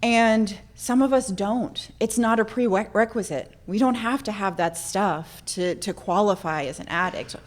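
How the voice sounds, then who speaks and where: A Norwegian-born woman from central Florida tells a group her addiction recovery story informally, candid and self-deprecating, growing animated when acting out moments. Her mid-range voice moves a little slowly with few pauses.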